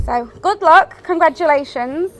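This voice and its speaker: Best woman, high-pitched female. Prepared, heartfelt wedding toast speech, faint music in the background. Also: animated, unhurried, low-quality recording. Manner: earnest, affectionate, read from prepared text.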